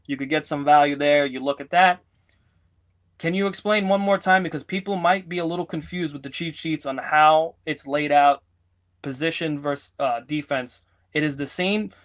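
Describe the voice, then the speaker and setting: A man's voice: on the high side, moderate pace. A rambling, joking man co-hosting a podcast. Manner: joking, rambling, teasing his co-host. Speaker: sports betting podcast co-host. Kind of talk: casual banter.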